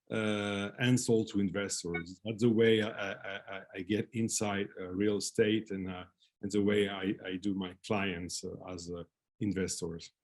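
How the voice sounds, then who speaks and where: A man with a French accent, a guest in an interview, speaking haltingly as he searches for words. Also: on the low side, a little mellow. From France.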